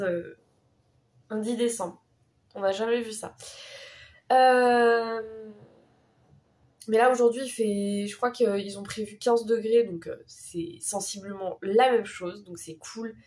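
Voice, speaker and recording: A young woman talks to her vlog audience in a casual, chatty way. Her medium-pitched voice is nasal and congested, as with a cold and swollen tonsils. She rambles a little, hesitating and correcting herself as she goes. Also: a little mellow. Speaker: vlogger.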